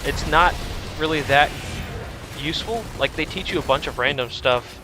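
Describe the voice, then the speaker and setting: A man's voice: on the high side, normal speed, over music. A young man streaming a video game, chatting in a rambling, easygoing way with lots of restarts. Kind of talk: casual chat while streaming a game.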